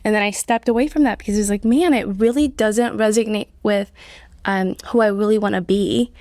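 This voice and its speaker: Guest: woman, 30s, from Colombia, chatty with constant fillers, mid pitch, dry close mic. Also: fairly quick, darkish tone, no echo. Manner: chatty, many "like" fillers, laughs often. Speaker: nonprofit CEO, guest. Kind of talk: casual interview conversation.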